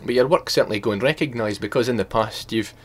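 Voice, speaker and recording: A man's voice: mid-range voice, fast talker, slightly rough. A man, putting questions to a guest as a radio interviewer.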